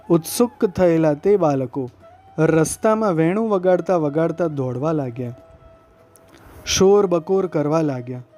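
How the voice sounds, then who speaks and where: A man reading a devotional scripture text aloud as narrator, in a gentle, steady recited delivery. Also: on the high side.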